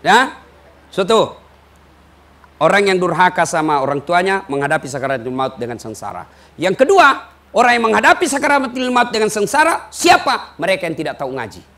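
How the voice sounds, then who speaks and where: A man from Sulawesi with a Makassar Indonesian accent, preaching an animated, joking sermon and acting out little dialogues. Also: high voice, fairly quick. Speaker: Islamic preacher. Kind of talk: humorous sermon.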